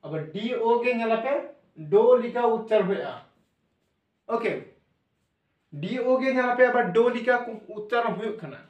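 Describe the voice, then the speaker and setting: A male teacher explaining a lesson, spelling letters out slowly and answering his own questions. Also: very high-pitched, animated, far from the mic. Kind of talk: classroom-style lesson explanation. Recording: echoey room, voice away from mic.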